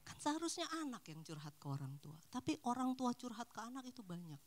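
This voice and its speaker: A woman's voice: on the high side, fast. A middle-aged woman counselor talking casually to a church couples' group, acting out short everyday dialogues as she goes. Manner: animated, acts out little dialogues. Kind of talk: casual talk.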